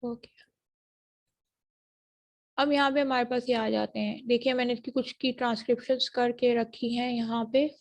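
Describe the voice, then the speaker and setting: A woman's voice: a little high, level tone, moderate pace, long pauses. Woman lecturing on phonetics. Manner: mixes Hindi-Urdu and English, checks understanding with repeated "ठीक है". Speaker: university lecturer.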